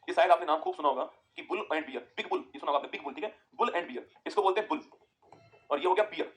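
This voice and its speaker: Fast-talking male exam-prep teacher. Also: on the high side. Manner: repetitive, keeps checking in with students; dictates notes for students to write down. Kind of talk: exam-prep classroom lecture.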